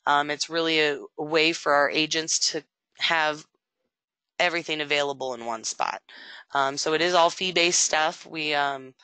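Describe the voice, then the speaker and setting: An insurance agency support representative giving a conversational, upbeat training webinar, often pausing with "um". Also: mid-range voice, fairly even intonation, sharp tone, clean tone, dry recording. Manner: conversational, frequent "um" fillers; upbeat promotional tone.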